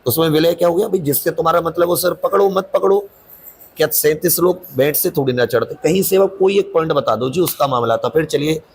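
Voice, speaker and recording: Husky-voiced teacher guy, defensive and rambling, keeps pushing his point. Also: a little high, a little fast. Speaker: coaching teacher. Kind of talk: interview answers.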